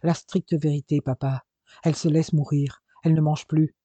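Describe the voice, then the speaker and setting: A man reading aloud as a furious young man who talks in sharp, raised, scolding bursts. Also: on the high side, level tone, normal speed, dry recording, close to an everyday voice.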